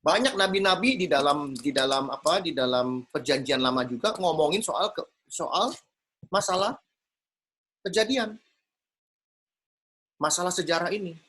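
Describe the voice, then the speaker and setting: A man's voice: fairly high pitch, moderate pace, pauses often. Man teaching Bible study with rhetorical questions. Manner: lively storytelling, acts out dialogues and asks rhetorical questions. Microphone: mobile phone stuck to a glass pane.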